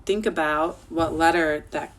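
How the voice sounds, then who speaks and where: A woman teaching children an online phonics lesson, sounding out words slowly and clearly. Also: low-pitched, fairly even intonation, fairly bright tone.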